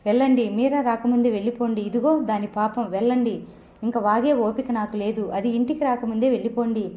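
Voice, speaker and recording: A woman's voice: fairly high pitch, fairly even intonation, a little fast, close to an everyday voice. A woman voicing a distraught middle-aged mother who is harsh and sobbing as she pleads. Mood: frantic. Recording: dull, roomy echo.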